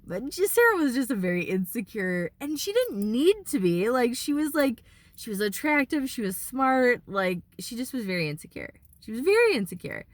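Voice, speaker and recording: A woman vlogging from her car in a casual, rambling monologue, swearing freely, filling every pause with "like" and slipping into heated rants. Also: fairly high pitch, sing-song, no echo. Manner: rambling and profane, heavy use of "like"; heated ranting. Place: inside a car.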